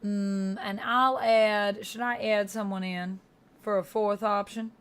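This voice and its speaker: A woman hosts a livestream, chatting casually with viewers and greeting them by name in a put-on Georgia-style Southern US accent. Her mid-range voice is steady, slow, clear and resonant.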